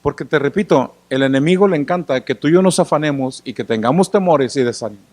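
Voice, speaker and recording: A man's voice: fairly high pitch, quick pace. A tired male pastor preaches a sermon in a conversational way, often asking the congregation questions and acting out little scenes. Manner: acts out little scenes and gestures. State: tired after working in the sun.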